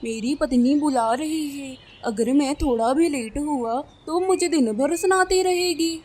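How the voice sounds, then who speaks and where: A woman voices a friendly male crow in a cartoon, a polite husband with an easy manner. The voice is high for a male figure. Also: a little slow, a little mellow. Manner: polite, good-natured.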